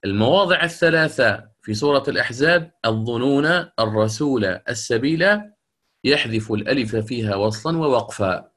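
A middle-aged man teaches the rules of Quran recitation to a class. He explains each point patiently and stops now and then to put questions to his students. When he reaches a verse, he slows down and recites it carefully. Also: medium pitch, expressive, a bit bright.

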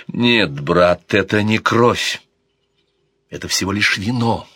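A man's voice: fairly low pitch, animated, slow, fairly bright tone, breathy edge, heavily acted. A man voicing a stern, proud princess who speaks in a cold, icy and commanding way. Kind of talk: audiobook character voice.

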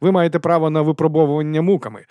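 A man's voice: on the high side, fairly even intonation, rapid-fire, no echo, highs cut off, pitched above the performer's own voice, close to an everyday voice. A man voicing an earnest, dutiful young male constable reading out formal rules.

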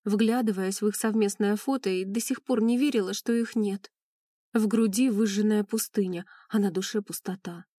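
A woman's voice: mid-range voice, steady tone, moderate pace, mellow, no echo. A woman reading a first-person audiobook in an emotional, mournful way, close to the mic. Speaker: audiobook narrator.

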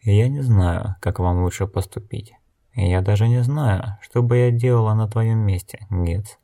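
A man reading an audiobook, voicing a calm, blind wandering woman who speaks in a measured, unhurried way. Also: fairly low pitch.

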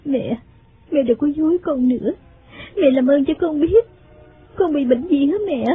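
Male reader doing a fragile, teary young woman in a high, soft voice for a storybook, phone-quality audio with quiet music. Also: unhurried. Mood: sorrowful pleading. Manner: soft, tearful, pleading. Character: frail, sorrowful young woman, sickly daughter. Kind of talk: audiobook character voice. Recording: phone-like sound, faint music.

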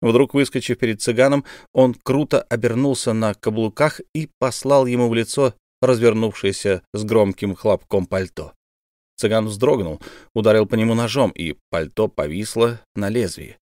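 A man reading an audiobook in a dramatic, measured narration. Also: medium pitch, darkish tone, no echo, studio quality. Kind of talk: scripted narration.

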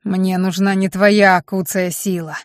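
A woman's voice: mid-range voice, little pitch movement, unhurried, dry recording, studio quality, lightly acted. A woman reading an audiobook and voicing a fanatical, self-satisfied male mage who rants about gaining power. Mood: fanatical boasting. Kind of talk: audiobook character voice.

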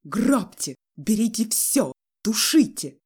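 Brief: a woman playing a shrill, raging household tyrant, middle-aged man, yelling, storybook reading. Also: very animated, slow, breathy edge, heavily acted. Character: furious stingy middle-aged father, shouting.

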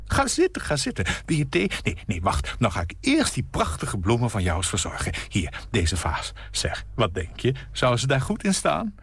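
A man voicing a chatty woman in her forties who gushes and fusses, with a husky voice, in a radio story. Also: medium pitch, huge pitch swings, moderate pace, hardly any pauses, fairly bright tone, no echo, voice pushed up, exaggerated voice. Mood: gushing. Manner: gushing, fussy, drifting mid-sentence. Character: chatty 42-year-old housewife, gushing.

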